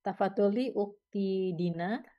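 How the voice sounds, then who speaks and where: A woman's voice: medium pitch, measured pace, lo-fi sound. A woman moderating a religious Q&A, politely reading out listeners' questions with small hesitations.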